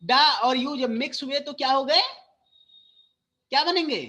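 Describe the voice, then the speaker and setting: A man's voice: very high-pitched, measured pace, pushed and bright. A male school teacher giving an online phonics lesson, mixing Hindi and English, patiently repeating and quizzing his students.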